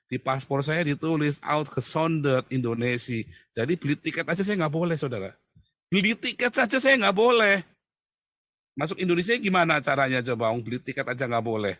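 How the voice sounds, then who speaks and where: A man giving an animated, mocking livestream monologue, often calling his listeners brothers. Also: mid-range voice, moderate pace, no room sound, clean studio sound. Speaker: livestream commentator.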